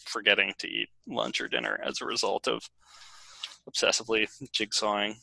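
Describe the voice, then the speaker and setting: Bright, gravelly man joking on a podcast. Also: lowish voice, normal speed, no room sound, poor audio. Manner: jokey, laughs often, self-deprecating. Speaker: podcast co-host. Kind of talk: casual podcast chat.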